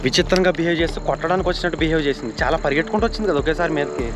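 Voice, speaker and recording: A man vlogging a ghost hunt in a forest, talking straight to his viewers and shouting when startled. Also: a little high, rapid-fire. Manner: addresses viewers as "guys", shouts and yells when scared. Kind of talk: excitable horror vlog narration. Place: outdoors in a forest. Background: background music, crickets.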